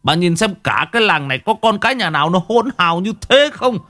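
A man voicing a furious old father who shouts and scolds his son, with faint music behind. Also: high voice, lively intonation, normal speed, voice pushed up. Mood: furious shouting. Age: older.

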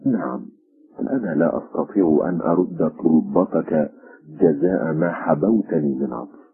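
A man's voice: low-pitched, expressive, breathy edge, phone-quality sound, faint music behind, exaggerated voice. Man voicing a grieving old mother. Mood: quiet, firm. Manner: sorrowful, halting speech. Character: grieving elderly mother, a painter's widow.

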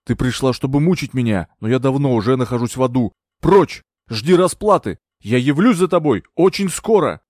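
A man's voice: on the high side, lively intonation, fast, no echo, clean studio sound, voice pushed up, lightly acted. A man doing a raving delirious sea captain. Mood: raging. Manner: ranting, loud, accusing. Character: delirious feverish ship captain shouting orders.

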